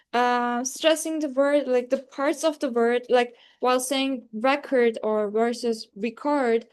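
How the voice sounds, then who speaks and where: A woman's voice: on the high side, clear, resonant tone. A young woman giving a class presentation on pronunciation, hesitant and full of fillers like "like" and "uh". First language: Turkish. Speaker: student presenter.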